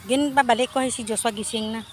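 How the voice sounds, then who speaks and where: A woman's voice: on the high side, fairly even intonation, fairly quick. A woman vlogging in a park, casually chatting and calling her dogs in coaxing baby talk, mixing Tagalog and English. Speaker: vlogger and dog trainer. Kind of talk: casual chat with dogs outdoors. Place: park outdoors. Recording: outdoor noise behind.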